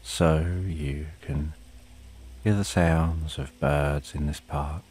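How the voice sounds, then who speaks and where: Soft husky guy doing sleep story narration, really mellow and calm, rain behind him. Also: rumbling low. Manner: calm, unhurried, with long pauses. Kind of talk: slow, soothing bedtime story narration.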